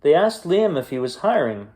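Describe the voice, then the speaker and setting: With a slightly high voice, a man narrates a kids' picture book in the manner of a bedtime storyteller: expressive, unhurried, and pausing deliberately for drama.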